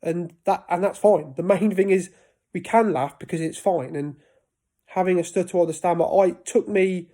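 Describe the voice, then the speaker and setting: A man's voice: sits high, normal speed, dark tone. A man in his thirties talking casually to camera about life with a stutter, often breaking off and restarting words. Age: 30s. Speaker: vlogger.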